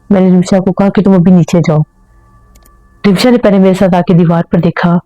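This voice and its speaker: A woman's voice: medium pitch, warm tone, no room sound, rough recording. A woman telling a first-person horror story in an earnest storytelling manner.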